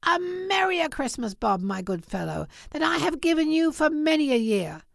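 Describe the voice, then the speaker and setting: A woman voicing an exuberant elderly English gentleman in a storybook reading, emphatic and theatrical. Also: fairly high pitch, huge pitch swings, slow, gravelly, breathy edge, no echo, clean studio sound, full character voice. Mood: joyful, earnest. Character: elderly English gentleman, gruff turned giddily jolly.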